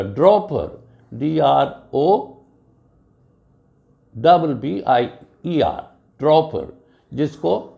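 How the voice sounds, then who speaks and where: A man's voice: medium pitch, gravelly, dark tone. A man teaching an English grammar lesson, spelling words out letter by letter and explaining each rule step by step, with a Pakistani accent. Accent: Urdu-flavored Pakistani English.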